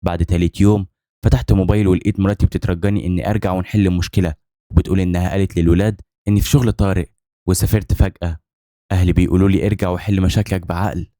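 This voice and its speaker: A man's voice: low voice, steady tone, racing, dark tone, dry recording, studio quality. A man with an Egyptian accent narrating a dramatic first-person story, intense and brooding. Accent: Egyptian Arabic.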